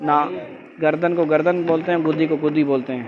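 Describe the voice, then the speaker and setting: Firm male teacher, flat higher voice. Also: a crowd in the background. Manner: keeps checking understanding with quick questions; firm, instructive, gives step-by-step commands. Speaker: religious studies teacher. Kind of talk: classroom lesson explaining ritual steps. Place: classroom with students. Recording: dull lo-fi classroom recording with faint background hum.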